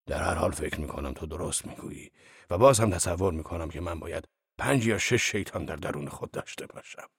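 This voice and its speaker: Man playing a gruff earthy old rogue, deep gravelly voice, teasing and lively, dry close mic. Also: no room sound, exaggerated voice. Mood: reassuring, hearty. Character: boisterous, earthy older man, gruff and mocking. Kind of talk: audiobook drama acting.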